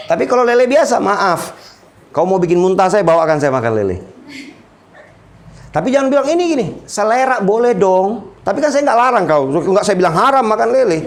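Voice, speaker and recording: A man gives a relaxed religious talk with a slightly high voice that swings widely as he jokes. He slips into the voices of the people in his stories and goes back to plain talk. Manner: animated, joking, quotes people in lively voices. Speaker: preacher.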